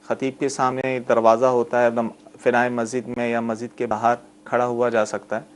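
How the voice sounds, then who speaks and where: A man serving as the mufti on a religious TV call-in show, who explains rulings patiently and slowly spells out the correct pronunciation. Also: mid-range voice, completely flat delivery. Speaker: mufti answering callers' religious questions.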